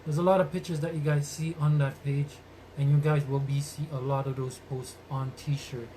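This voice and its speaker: A man's voice: fairly high pitch, flat delivery, moderate pace, dark tone. A man hosting a casual live podcast in Rasta-style speech, greeting his community with blessings and repeating phrases for emphasis. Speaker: podcast host. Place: moving around while live streaming, away from the mic. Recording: noisy, distant live-stream sound.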